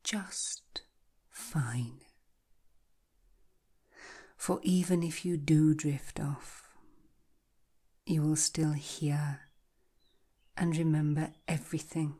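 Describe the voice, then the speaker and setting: A woman guiding a hypnotic relaxation in a soft, breathy, half-whispered voice, slow and soothing like a calming countdown. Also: low voice. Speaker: hypnotherapy guide. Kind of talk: guided hypnosis relaxation, scripted narration.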